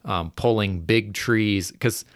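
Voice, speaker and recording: A man's voice: on the low side, no room sound, clean studio sound. A man casually reminiscing in conversation, often restarting his sentences and laughing as he tells a story. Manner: halting, restarts and laughs while telling.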